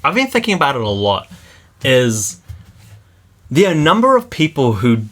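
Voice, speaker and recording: A man co-hosting a vlog in casual chat, animated and laughing as he rants, out walking by a river. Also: mid-range voice, measured pace. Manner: animated, laughs while ranting. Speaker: vlog co-host.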